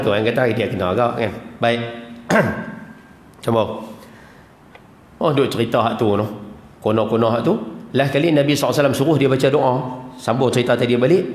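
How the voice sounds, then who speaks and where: A man giving a folksy, playful religious lecture, repeating words for emphasis. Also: mid-range voice. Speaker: religious teacher. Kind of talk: mosque lecture. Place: large prayer hall. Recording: echoey hall with long reverb.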